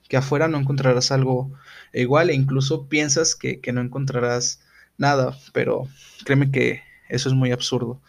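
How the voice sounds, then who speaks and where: A man with a Mexican accent delivers motivational life advice point by point. He is direct and exhorting, addressing the listener personally with blunt, slangy imperatives. His voice sits at a middle pitch. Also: vocal fry. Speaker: motivational speaker.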